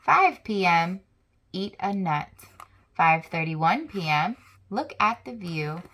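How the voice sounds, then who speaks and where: Low-pitched and unhurried, a young woman performs a picture book for children with plenty of expression, stopping now and then to chat with the kids listening.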